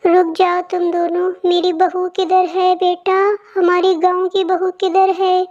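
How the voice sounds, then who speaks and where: A woman voicing a dramatic older mother-in-law in a cartoon, calling out and pleading loudly. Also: very high voice, monotone, a little slow, highs cut off. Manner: loud pleading calls.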